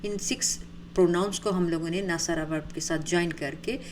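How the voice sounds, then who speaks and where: A woman's voice: on the low side, fairly even intonation, a little hiss or hum, rough recording. Urdu-accented woman teaching grammar. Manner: drills word forms slowly and clearly; mixes English terms into her explanations. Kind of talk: online grammar lesson.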